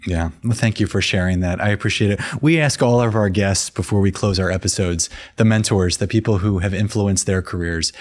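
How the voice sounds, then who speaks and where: Lower-voiced male podcast host. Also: brisk, hardly any pauses. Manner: thoughtful, restarts phrases while asking. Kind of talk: podcast interview questions.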